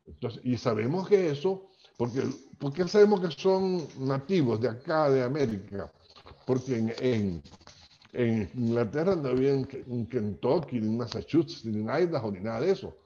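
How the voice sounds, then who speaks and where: This man has a mid-range, dark-toned voice with lively intonation and a moderate pace, and a little background noise can be heard. He is a Maracaibo-born Venezuelan linguistics professor giving a conversational lecture by video call. He keeps tagging his lines with "¿ok?" over dull, low-fidelity audio.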